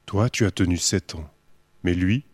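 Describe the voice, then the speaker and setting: A man voicing a wise old male seal, a grandfather who speaks in a solemn, measured way. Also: low-pitched, darkish tone, no room sound. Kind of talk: storybook voice acting.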